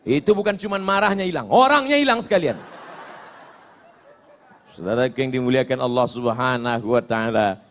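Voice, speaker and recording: A man's voice: mid-range voice, expressive, normal speed, pauses often, fairly bright tone, a little hiss or hum. A man giving a humorous sermon as a preacher, acting out little dialogues and chanting Arabic verses.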